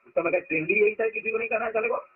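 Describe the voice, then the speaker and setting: A man's voice: sits high, very fast, narrow, tinny audio, noisy background. A man giving an informal spiritual discourse as a teacher, talking conversationally and asking rhetorical questions.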